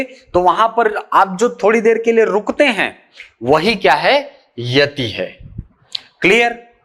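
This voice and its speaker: A man giving an exam-prep lecture who keeps asking rhetorical questions and answering them himself, slowly stretching the key terms. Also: high voice, a bit bright. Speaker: teacher.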